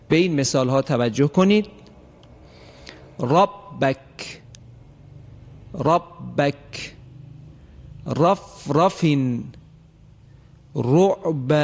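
A man teaching a recitation lesson, explaining the rules and repeating example words slowly and drawn out. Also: a little high, big-room sound.

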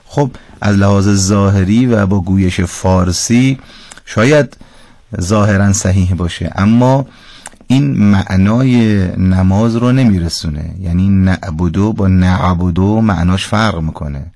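A man with a somewhat low voice hosts a call-in radio lesson from a dry, close studio. He speaks patiently and corrects pronunciation with exact detail. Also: dark tone, dry recording. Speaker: radio Quran recitation teacher.

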